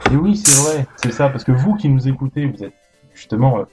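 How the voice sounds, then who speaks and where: A man's voice: mid-range voice, animated, brisk, over music. A man hosting a casual gaming podcast, chatty and full of fillers and restarts. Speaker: podcast host.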